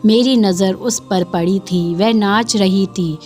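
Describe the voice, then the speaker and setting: A woman narrating a scripted first-person story in a slow, measured way. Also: medium pitch, a little mellow. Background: faint background music.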